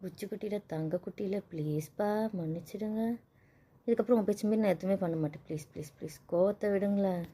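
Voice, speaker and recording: A woman's voice: mid-range voice, rapid-fire, dark tone, natural voice. A woman playing a young wife who pleads with and coaxes her sulking husband in a family skit, then turns indignant. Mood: pleading.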